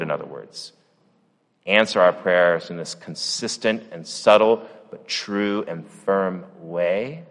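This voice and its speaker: A man, the pastor, giving a conversational sermon with rhetorical asides. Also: sits low. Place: church. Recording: long church reverb.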